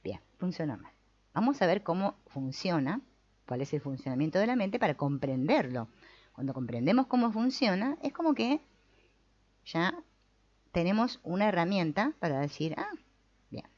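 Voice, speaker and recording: A woman's voice: on the low side, normal speed. A woman, teaching a spiritual talk on the mind and acting out inner voices. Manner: lively, acts out inner voices. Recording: slightly dull lo-fi sound.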